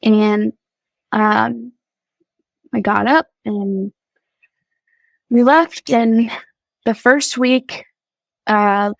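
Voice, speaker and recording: A woman guest on a podcast, telling her personal faith story in a halting, earnest way with many fillers and restarts. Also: a little high, fairly even intonation, creaky, no echo, low-quality recording.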